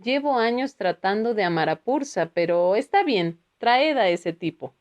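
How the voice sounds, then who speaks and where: A woman's voice: medium pitch, expressive, unhurried, natural voice. A woman voicing a curious, earnest man who asks questions with wry humor in a read-aloud spiritual book. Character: earnest middle-aged man, the curious narrator.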